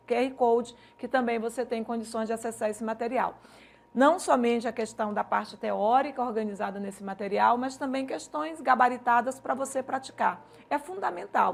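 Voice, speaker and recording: A woman's voice: on the high side, gravelly. A woman teacher giving a Portuguese grammar lesson for an exam-prep course, explaining step by step and often checking in with "right?". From Maranhão, Brazil. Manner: explanatory, uses rhetorical questions and checks like "certo?".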